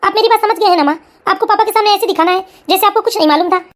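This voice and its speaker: A woman's voice: very high-pitched, racing. A woman voicing a grown son, a caring young engineer in a cartoon family story, reassuring and lecturing.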